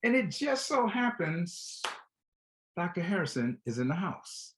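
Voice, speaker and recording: This talk show host has a high, sing-song, slightly bright voice and takes his time, chatting directly with his listeners and guest through the introduction and interview. There's slight background noise.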